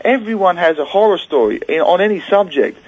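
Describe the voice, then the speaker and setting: A man's voice: sits high, expressive, brisk, lo-fi sound. A man who grew up in Singapore, a book author guest on a radio show, telling chatty self-deprecating stories and acting out quoted lines. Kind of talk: radio interview, phone-in guest.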